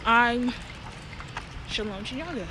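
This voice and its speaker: A woman's voice: on the high side, lively intonation, slow. A teenage girl vlogging casually as she walks home from school outdoors. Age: teens, fifteen. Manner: casual, talking while walking home. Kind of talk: walking vlog intro. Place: outdoors on a street. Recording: street noise behind the voice.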